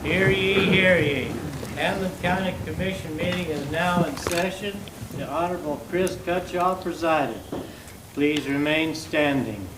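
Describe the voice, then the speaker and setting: A man's voice: fairly high pitch, measured pace, crowd noise. A man formally calling a meeting to order in the ceremonial manner of a town crier. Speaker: officer opening the meeting. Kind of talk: ceremonial proclamation. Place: indoor meeting room. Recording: noisy, roomy public meeting room.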